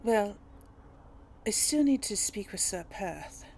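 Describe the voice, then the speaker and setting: Speaking slowly with lively intonation, this role-playing host has a medium-pitched, darkish voice. She reacts and chats through a casual let's play, mixing in character dialogue, with game music in the background.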